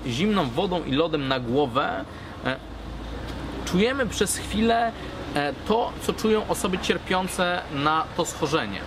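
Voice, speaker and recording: A man in his thirties speaks casually to camera in a somewhat high voice. His delivery halts as he searches for words. He is outdoors, with clear urban background noise around him. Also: expressive, a little slow. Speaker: cigar blogger, vlogger. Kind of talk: casual vlog talk to camera. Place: outdoors at a garden table by a brick wall.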